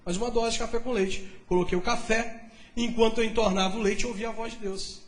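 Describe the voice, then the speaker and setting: A male pastor telling a testimony in a sermon, telling the story in a lively way and speaking to the congregation. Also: sits high, quick pace, echoey room.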